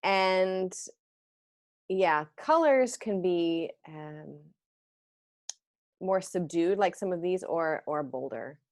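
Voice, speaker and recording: Woman in her fifties, host, rambling fashion chat over a video call, voice sits a bit low. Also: expressive, slow, pauses often, a little mellow. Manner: chatty and rambling, trails off mid-sentence.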